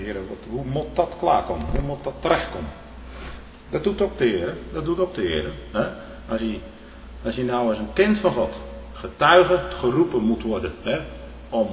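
A man preaching a sermon in a church, tagging his phrases with "hè" and swinging from loud emphasis to hushed tones. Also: mid-range voice, slight background noise. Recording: echoey hall with long reverb.

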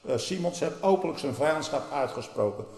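A man preaching a fiery sermon, dropping to low murmurs and then bursting out loudly. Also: lively intonation, brisk. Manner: fiery, swings from low murmurs to loud outbursts. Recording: echoey hall, reverberant.

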